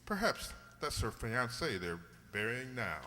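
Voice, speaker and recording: A man acts a genial older English doctor in an old radio play. The voice swoops in lively, bright exclamations, hearty and avuncular, with long hall reverb around it. He is a sentimental storyteller at heart. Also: medium pitch, unhurried. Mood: sympathetic. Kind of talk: old-time radio drama acting.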